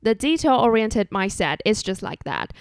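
Recorded close with no echo or room sound, a young podcast host with a Chinese accent delivers a solo monologue. Her middle-pitched voice is smooth and clear, and her manner is earnest, measured, relaxed and conversational.

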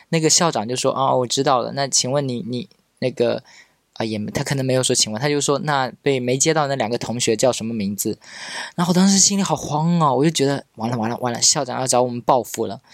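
A man's voice: mid-range voice, gravelly, no echo, studio quality. A man telling stories from his school days in a casual monologue, hesitant and self-mocking, with many restarts. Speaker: podcast host reading his old diary.

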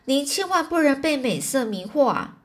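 A woman's voice: high-pitched, sing-song, normal speed, voice pushed up. A woman voicing an anxious, earnest male court adviser. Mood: urgent. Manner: urgent, pleading counsel.

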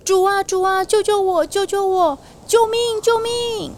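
A woman's voice: high voice, animated, slow pace. Woman voicing a panicked fisherman disciple. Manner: panicky, pleading cries. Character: frightened adult male fisherman disciple.

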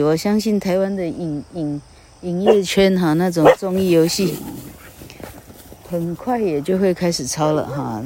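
This older woman has a deep, mellow voice and a Taiwanese Mandarin accent. She teaches English grammar in a chatty, rambling way, often closing phrases with "ha" and spelling words one letter at a time. Faint insect chirping and background noise sit under her voice. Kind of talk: casual spoken lesson.

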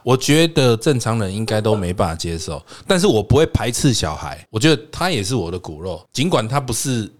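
Lively man, laughing chat. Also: on the low side, fairly quick, few pauses. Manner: animated, laughs often, tells stories. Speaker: podcast co-host, hospital attending physician. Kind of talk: casual chat.

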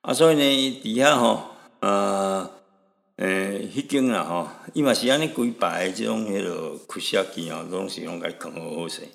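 A man from Taiwan hosting a radio show, telling stories in a rambling, relaxed way with frequent chuckles and tag particles. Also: on the low side, moderate pace, gravelly, long reverb tail. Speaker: radio host. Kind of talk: chatty radio storytelling. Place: radio studio.

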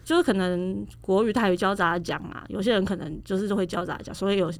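A woman with a Taiwanese accent chatting casually as a podcast co-host, explaining things and gently objecting. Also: medium pitch, quick pace. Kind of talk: casual chat.

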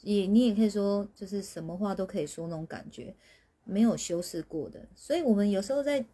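A woman, a spiritual teacher on a livestream, explaining patiently as her phrases trail off softly. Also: mid-range voice, expressive, a little fast, breathy edge. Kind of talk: livestreamed talk answering questions.

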